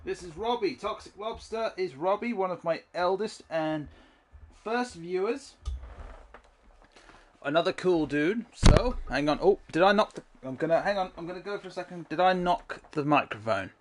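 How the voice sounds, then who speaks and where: A man livestreaming a game with a fairly high voice. He talks casually with his viewers, swears freely and laughs a lot. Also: lively intonation, normal speed. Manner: profane, chatty, laughs often. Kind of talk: casual gameplay commentary. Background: game audio.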